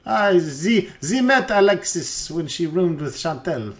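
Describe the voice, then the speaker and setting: A man voicing a sleazy, pushy male smut photographer in a hammy, fake French accent, with a creaky, high, swooping tone. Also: big pitch swings, a little slow. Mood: indignant.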